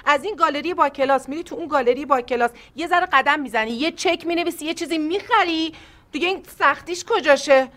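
An actress playing a chatty, teasing wife in a family sitcom, with an exaggerated sing-song delivery. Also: female voice, sits high, a bit bright. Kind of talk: sitcom acting.

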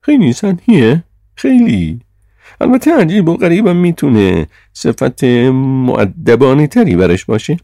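A man's voice: fairly high pitch, big pitch swings, mellow, dry recording, studio quality, pitched above the performer's own voice. A man putting on a pompous, indignant official man. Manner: raised, clipped and indignant.

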